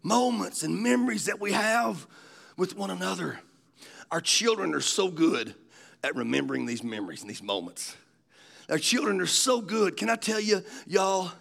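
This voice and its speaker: A man's voice: fairly high pitch, vocal fry, fairly bright tone. A man, preaching a sermon in a folksy storytelling way. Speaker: pastor.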